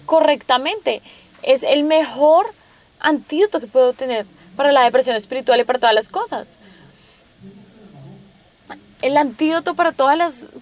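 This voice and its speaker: Speaking in a notably high voice, a woman gives a sermon. She repeatedly throws rhetorical questions at her listeners and restates each idea several times before advancing.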